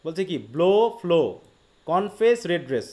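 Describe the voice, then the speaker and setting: A man with a Bangladeshi accent teaching a live online literature class. He explains quickly, reads English passages slowly and keeps asking his students questions. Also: high-pitched, lively intonation, a little mellow. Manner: quick Bengali explanation, slow read-aloud English quotes, frequent questions to students.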